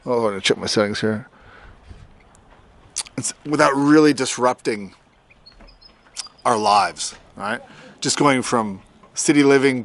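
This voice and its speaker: A man's voice: mid-range voice, a bit bright. A man of fifty from Australia giving a casual, conversational video update outdoors in his farm's front yard. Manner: informal, conversational. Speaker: tattoo artist vlogger. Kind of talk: casual update talk to camera.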